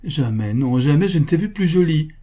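A man's voice: medium pitch, animated, unhurried, dark tone, slightly rough. A man voicing a passionate, adoring husband who speaks with ardent exclamations.

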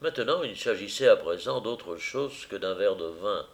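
A man reading a novel aloud as narrator, in a measured, even storytelling manner. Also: on the low side.

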